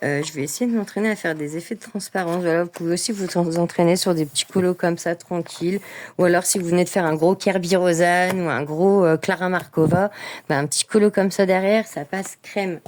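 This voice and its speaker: A woman's voice: lowish voice, fairly even intonation, brisk, a little mellow. A woman chatting casually in a vlog about coloring books, enthusiastic and full of fillers. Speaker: coloring book vlogger.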